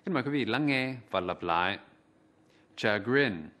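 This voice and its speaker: A man presenting a TV English vocabulary lesson, pronouncing words slowly and formally for viewers to repeat. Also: medium pitch, expressive, very noisy. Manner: slow, formal, deliberate enunciation. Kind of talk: scripted pronunciation drill.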